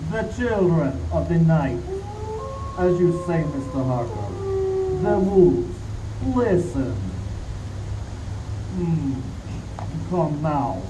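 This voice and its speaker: An actor playing Count Dracula, a sinister aristocratic vampire, speaking slowly with courtly menace in a live outdoor radio-play performance. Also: male voice, a little high, big pitch swings, heavily acted. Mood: menacing. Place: outdoor stage in constant wind. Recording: distant, echoey, wind noise outdoors.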